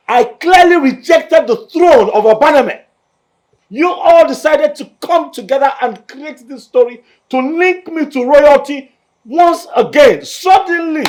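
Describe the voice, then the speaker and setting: An actor with a Nigerian accent playing a defiant young man who rejects a royal claim, agitated and repeating himself. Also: very high-pitched. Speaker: young man told he is a king's heir.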